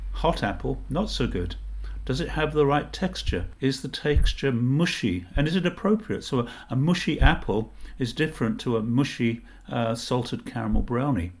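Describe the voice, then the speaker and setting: A man's voice: mid-range voice, a little mellow. A man giving a live online lecture over a video call, talking conversationally with frequent fillers and restarts.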